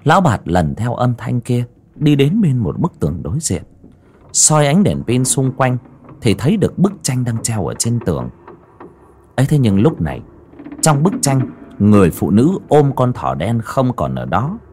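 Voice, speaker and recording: A man narrating a horror audiobook in an expressive, dramatic storytelling style. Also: medium pitch, moderate pace, slight background noise.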